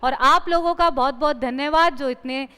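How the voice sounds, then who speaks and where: With a high-pitched, sharp-toned voice and a long reverb tail, a woman runs an exam-prep English class. She explains in Hindi, reads English examples slowly, and answers the questions she puts to her students.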